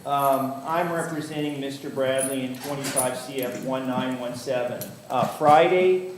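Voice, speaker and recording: A man's voice: medium pitch, unhurried, reverberant, a little hiss or hum, low-quality recording. A male defense attorney addressing a judge in a formal way, with many fillers and restarts, heard in a courtroom recording.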